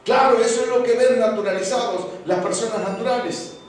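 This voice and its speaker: Argentine pastor preaching in echoey hall. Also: male voice, very high voice, fairly even intonation, a little fast. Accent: Argentine Spanish. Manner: preaching with swings from hushed to loud exclamations. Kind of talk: sermon. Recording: echoey hall from far off, faint noise.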